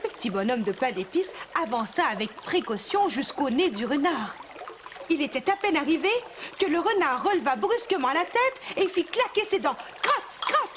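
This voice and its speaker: A woman with a Quebec French accent reading a children's story aloud as a mother, with animated expression, in a kids' cartoon. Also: high-pitched, moderate pace, background noise.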